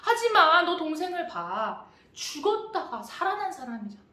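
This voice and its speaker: A woman's voice: very high voice, very animated, normal speed, far from the mic, voice pushed up, full character voice. A woman voicing a loving, joyful father who welcomes his lost son home, speaking with eager exclamations. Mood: overjoyed. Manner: exclaiming, warmly pleading. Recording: echoey church hall.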